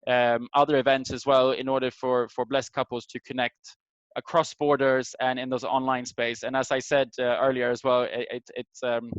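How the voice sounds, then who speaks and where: On a video call, a middle-aged Swede casually runs an online community meeting, hunting for words as he welcomes people and introduces them. His medium-pitched voice is flat, clean, and at normal speed, captured dry through a video call microphone with dull, lo-fi audio.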